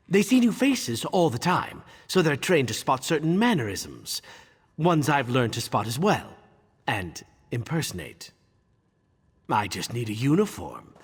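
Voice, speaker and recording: An actor playing a tailed male beast-folk thief in a game cutscene, explaining things in a measured, knowing way. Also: medium pitch, breathy edge, big-room sound.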